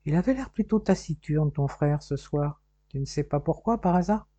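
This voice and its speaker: A woman reading the part of a stern, weary middle-aged father, firm and then low and resigned. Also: lively intonation, normal speed, warm tone, slightly rough, dry recording. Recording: dull, muffled dry recording.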